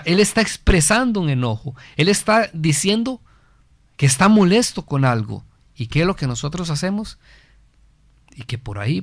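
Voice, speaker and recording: A Costa Rican man with a Costa Rican Spanish accent hosts a family guidance program, lecturing earnestly on parenting. He asks himself rhetorical questions, answers them, and repeats phrases for emphasis, his slightly high voice recorded in a clean, echo-free studio.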